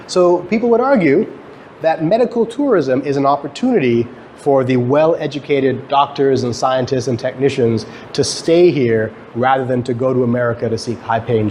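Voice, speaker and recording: In a clearly noisy live recording from a lecture room, a man of medium pitch and darkish tone talks to students. He is a lecturer and researcher who left Guyana for Canada, and he explains conversationally, raising questions and answering them himself.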